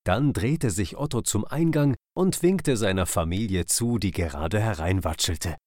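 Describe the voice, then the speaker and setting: Male storyteller for kids' audiobook: deep-ish voice, bouncy, expressive delivery. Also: unhurried, no room sound, studio quality. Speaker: narrator. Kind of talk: children's story reading.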